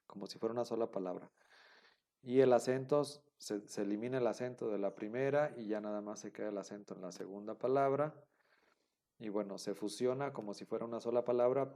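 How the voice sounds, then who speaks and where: In a classroom lecture, a man teaching Biblical Hebrew speaks in a dark, mid-range voice. His explanations are patient, repetitive and full of fillers.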